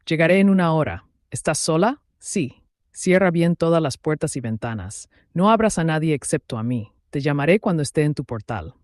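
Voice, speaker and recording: A man voicing a firm, professional middle-aged police inspector in an audio story, giving brisk commands. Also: fairly high pitch, expressive, no room sound, studio quality, close to an everyday voice. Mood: urgent, professional.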